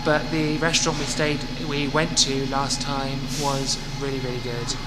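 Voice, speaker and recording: A man's voice: mid-range voice, flat delivery, normal speed. A man narrating a casual travel vlog from buses and town streets, chatty and reflective in tone. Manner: chatty, warm-hearted and reflective. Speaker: bus travel vlogger. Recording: loud vehicle and street noise.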